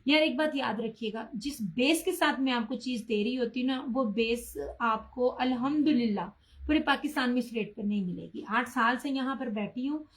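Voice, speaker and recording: Woman, high voice, live-stream seller, chatty, pushy about price. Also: normal speed, poor audio. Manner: chatty, addresses viewers by name, insists on low prices. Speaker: online clothing seller. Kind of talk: live-stream sales pitch.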